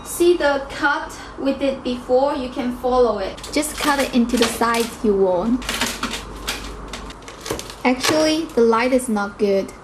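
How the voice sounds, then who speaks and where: A woman's voice: a little high, steady tone, a little slow, hardly any pauses, noisy background. A woman giving a casual cooking tutorial in her home kitchen, chatty and direct, with slightly non-native phrasing. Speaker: cooking vlogger.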